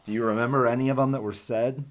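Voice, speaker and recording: A man with a mid-range voice speaks fast as he reads a picture book aloud to young children. The elementary school teacher gives the rhymes an expressive delivery and chats informally with his listeners in asides.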